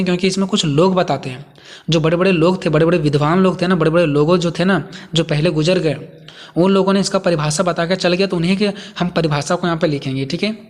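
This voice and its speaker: रुक-रुक कर समझाता शिक्षक, गूंजता कमरा. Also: male voice, sits high, big-room sound. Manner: repetitive, asks and answers own questions. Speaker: teacher. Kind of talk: explaining lecture.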